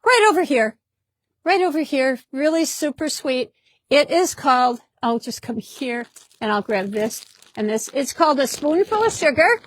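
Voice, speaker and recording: Here the woman is animated, speaking at normal speed in an upbeat, somewhat high voice as she chats casually about products in a fabric shop. She repeats herself often, and the recording is dry and close.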